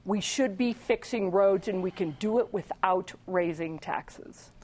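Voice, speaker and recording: A woman speaking as a panelist on a political roundtable, quick to laugh but firm and pointed. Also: mid-range voice, a little mellow.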